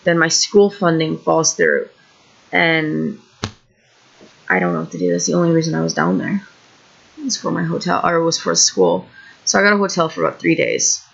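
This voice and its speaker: This Illinois vlogger, around thirty, sits on her couch indoors and vents about her problems in a rambling, frustrated way, often poking fun at herself. Her low, creaky voice is very animated at normal speed, broken by long pauses, and the recording is muffled.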